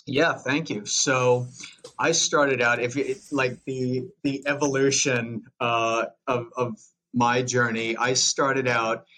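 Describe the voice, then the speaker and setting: A man's voice: medium pitch, flat delivery, slow pace, bright, forceful tone, rough recording. A man in his thirties with a Long Island accent, a podcast guest chatting casually and joking as he tells his story. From United States. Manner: chatty and jokey, with frequent restarts. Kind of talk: casual interview chat.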